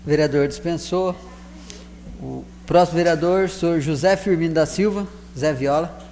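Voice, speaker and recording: A man's voice: on the high side, moderate pace, a little mellow. A man with a Brazilian accent making formal procedural announcements as a session chair. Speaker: session chair calling speakers. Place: council chamber. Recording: distant, reverberant hall with faint hum.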